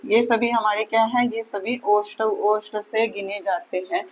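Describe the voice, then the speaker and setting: A woman's voice: mid-range voice, level tone, measured pace, poor audio. A woman teaching Sanskrit grammar for an exam, often asking her own questions and answering them. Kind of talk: exam-prep lesson.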